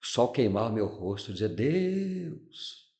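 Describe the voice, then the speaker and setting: A man's voice: fairly low pitch, normal speed, darkish tone. A man giving a personal testimony as a podcast guest, telling a life story with feeling, repeating words and acting out the people he quotes.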